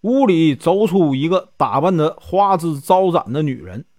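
Chatty storyteller with Northeastern accent. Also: male voice, fairly high pitch, sing-song, dark tone, no room sound, clean studio sound. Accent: Northeastern Mandarin. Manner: chatty storyteller, drawn-out particles. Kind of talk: storytelling narration of a classic novel.

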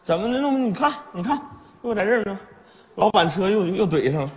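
A man's voice: high voice, animated, quick pace. A man performing sketch comedy, whiny and complaining. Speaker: comic actor playing a son. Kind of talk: northeastern Chinese sketch comedy.

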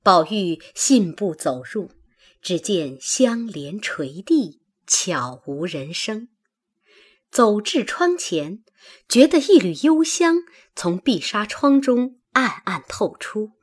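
A woman narrating a classical novel in a measured, expressive way. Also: mid-range voice, slightly rough. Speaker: audiobook narrator.

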